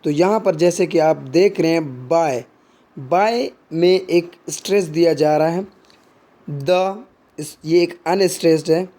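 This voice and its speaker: A man teaching poetry terms in a slow, unhurried way, with a high voice that sits well above most men's. He explains in Hindi, drops in English words, and fills his pauses with short hesitations. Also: warm tone. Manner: mixes Hindi explanation with slow English read-outs, frequent fillers. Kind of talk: explaining literary terms, reading English examples slowly.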